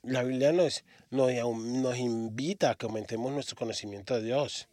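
A male preacher from Australia delivers a sermon at a middle pitch, often pausing and repeating words as he gathers his thoughts. The voice is close and dry, with hardly any room sound. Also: warm tone, no echo. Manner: halting, frequent restarts and repeated words. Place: church.

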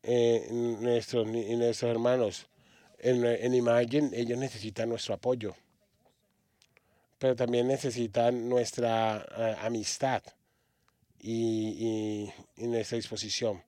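Halting male preacher, dry sound. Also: mid-range voice, level tone, dark tone, dry recording. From Australia. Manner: halting, frequent restarts and repeated words. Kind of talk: sermon. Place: church.

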